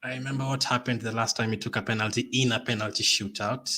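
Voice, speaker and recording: A man's voice: medium pitch, steady tone, fast, pushed and bright. A man hosting a live football watch-along, anxiously pleading and reacting to a penalty shootout. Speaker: football fan channel host.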